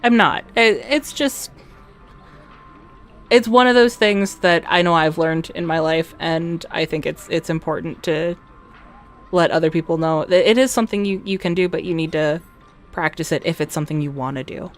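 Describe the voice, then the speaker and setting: A woman's voice: low-pitched, normal speed, faint music behind. A woman casually chatting and musing aloud as she plays a game, rambling with frequent restarts. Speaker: let's play streamer. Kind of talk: casual gameplay commentary.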